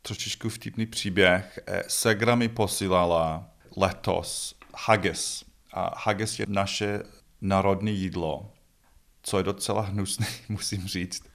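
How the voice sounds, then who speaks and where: A man's voice: low-pitched, fairly even intonation, vocal fry, a bit bright. A middle-aged man with a Scottish accent, a native English speaker, answering interview questions in a conversational, joking, self-deprecating way. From Scotland. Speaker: interview guest, festival organiser.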